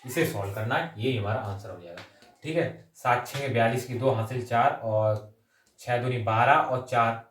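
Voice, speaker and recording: Heard from a distance in an echoey room, a male maths teacher with a mid-range voice speaks a little slowly. He's running an exam-coaching lesson, working sums aloud one step at a time, slipping in English number words and terms and checking in again and again with short tag phrases.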